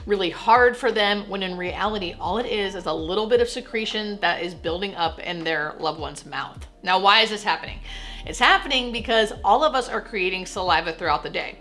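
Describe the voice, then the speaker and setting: Female educator, nurse presenting to camera, forward bright tone, reassuring and direct delivery over light music. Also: mid-range voice, a little fast. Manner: plain-spoken, reassuring explainer. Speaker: hospice nurse and educational video host. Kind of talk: explanatory talk to camera.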